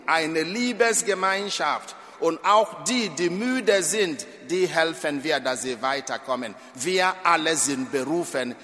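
A man's voice: on the high side, a bit bright. A man from Nigeria, preaching a sermon as a priest at mass, emphatic, with dramatic swells and drops in volume. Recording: long church reverb.

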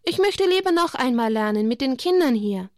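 Woman reading as a shy, gentle girl, slightly raised, close and dry. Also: sits high, lively intonation, normal speed, dry recording, voice pushed up. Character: older shepherd girl Lucia, gentle and shy.

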